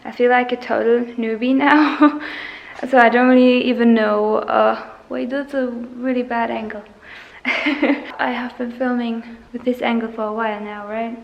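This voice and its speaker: Chatty young woman with a gravelly edge. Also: fairly high pitch, steady tone, measured pace, muffled recording. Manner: chatty, laughs often, many ums. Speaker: artist vlogger. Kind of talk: casual studio vlog. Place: home art studio.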